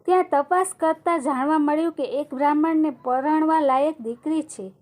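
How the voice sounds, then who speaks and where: A woman narrating a devotional folk tale in a steady, plain storytelling manner. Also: high voice, moderate pace.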